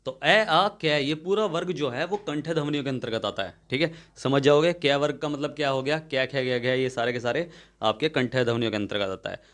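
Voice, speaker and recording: Young male teacher, patient step-by-step exam tutoring, mid-pitched voice, frequent check-ins with the class. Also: brisk. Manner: explains step by step, checks often with "ठीक है". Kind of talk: spoken Hindi grammar lesson.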